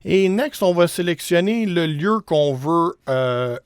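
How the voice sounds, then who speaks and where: A man's voice: fairly high pitch, lively intonation, slow, smooth, no room sound, studio quality. A man in his thirties with a Quebec French accent, hosting a casual screen-share tutorial in an informal, hesitant way with English words mixed in. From Canada. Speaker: music promotion tutorial host.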